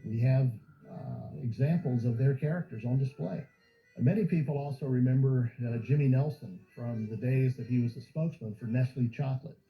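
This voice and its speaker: Background music sits under muffled audio as a man tells stories and explains things as a museum guide in a relaxed documentary interview. His pitch is medium and his pace moderate.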